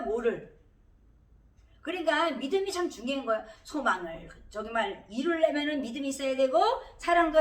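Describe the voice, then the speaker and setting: A middle-aged woman pastor preaching with a fairly high voice. She talks in a chatty way and often rises into emphatic exhortations. The recording is roomy and echoey, and she sounds set back from the microphone. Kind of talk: sermon. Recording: roomy echo, heard from a distance.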